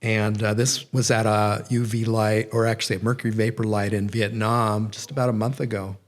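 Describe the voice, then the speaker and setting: Middle-aged male lecturer, lowish voice, meandering and self-correcting delivery. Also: level tone, normal speed. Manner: rambling, self-correcting, with frequent fillers. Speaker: guest lecturer. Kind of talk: public lecture. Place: nature center event room.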